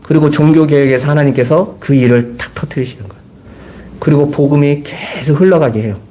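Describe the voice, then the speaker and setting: Earnest Korean pastor, higher-pitched man. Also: a little fast, mellow. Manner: earnest preaching with rhetorical questions. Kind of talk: sermon.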